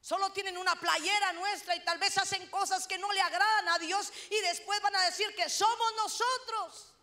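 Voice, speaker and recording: A middle-aged woman pastor from Honduras, preaching a sermon in a loud, animated way with self-mocking humor. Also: extremely high pitch, normal speed.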